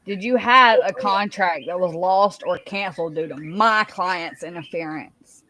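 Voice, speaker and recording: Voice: mid-range voice, a little slow, pushed and bright, no echo, low-quality recording. A person voicing a persistent lawyer putting pointed questions in a dramatic reading of a deposition. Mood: insistent.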